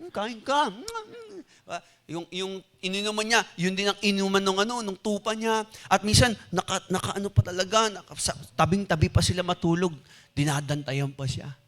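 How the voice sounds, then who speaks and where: A male pastor preaching a sermon in a conversational storytelling way, asking the congregation rhetorical questions. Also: high voice. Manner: animated, mixing in English phrases.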